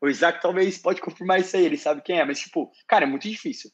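A man from Brazil, talking in a slightly high voice. He rambles through restarts and casual slang as an interview guest. The sound is dull and lo-fi, like a home video call. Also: quick pace. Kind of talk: casual live-stream chat.

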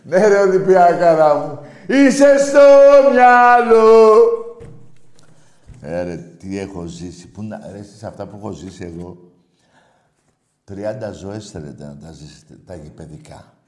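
A man hosting a call-in sports show, ranting with passion and swinging from shouting to low muttering. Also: reverberant. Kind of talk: heated sports phone-in rant.

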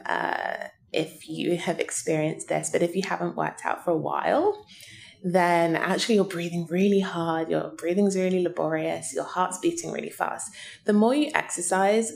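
A woman's voice: low-pitched, creaky, a little mellow. A woman guest scientist explaining things simply, step by step, to young listeners in an interview.

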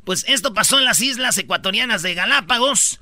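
A Mexican man hosts a joking radio countdown in a high, very bright voice, full of slang and little acted-out quotes. The studio sound is dry and close. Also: expressive, fairly quick, no room sound. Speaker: radio show host. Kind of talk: comedic radio countdown chat.

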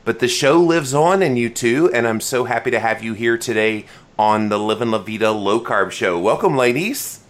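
A man's voice: mid-range voice, normal speed, few pauses. A man hosting a podcast, chatting casually and joking about himself as he introduces his guests. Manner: chatty, joking, self-deprecating. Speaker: podcast host. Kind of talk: casual interview chat.

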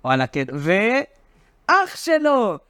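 A man with a high, lively voice co-hosts a casual sports chat, teasing his friends and spinning animated stories. The sound is dry and close, with no room around him. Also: clear, resonant tone, no room sound. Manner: animated, teasing, tells stories with shifts in pitch. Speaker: podcast co-host.

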